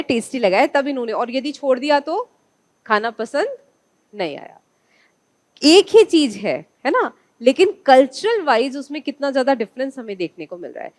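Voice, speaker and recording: A woman's voice: sits high, dry recording. A woman from India teaching an online exam-prep class, asking her students questions and answering them herself.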